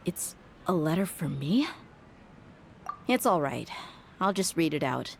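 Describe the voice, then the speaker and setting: A tough young mercenary woman talks in a low, blunt voice with dry, wry sighs. She sounds exasperated yet steady, as in a game cutscene. A faint layer of noise sits behind her. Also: slow, exaggerated voice. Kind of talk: game voice acting.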